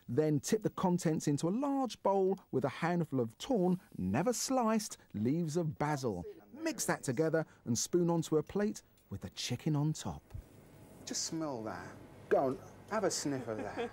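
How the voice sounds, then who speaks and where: A man's voice: fairly high pitch, mellow. A man presenting a food show, narrating with a playful, theatrical delivery and chatting with guests.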